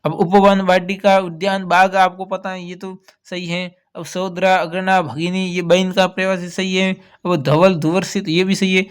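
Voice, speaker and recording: A man with a notably high voice is working through exam questions like a teacher. He explains patiently and goes back over key words so students catch them. His delivery stays steady and methodical. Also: normal speed, clear, resonant tone. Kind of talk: exam answer walkthrough.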